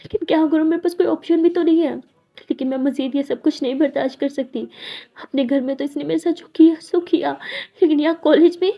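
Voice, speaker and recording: A woman's voice: high voice, fairly even intonation, a little fast, highs cut off. A woman voicing a humiliated young college girl made to serve as a maid, talking in an upset, pleading way. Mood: distressed.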